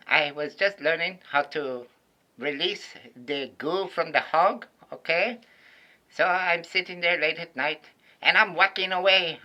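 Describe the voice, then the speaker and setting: A man doing stand-up storytelling in an animated, emphatic way, landing crude punchlines. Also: high voice. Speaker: stand-up comedian.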